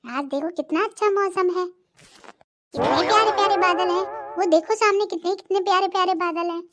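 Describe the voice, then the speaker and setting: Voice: very high voice, a little fast, a bit bright. A voice artist playing a henpecked older cartoon husband who teases his wife and complains about her. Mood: joking. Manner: mocking, wheedling, complaining. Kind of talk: cartoon voice acting.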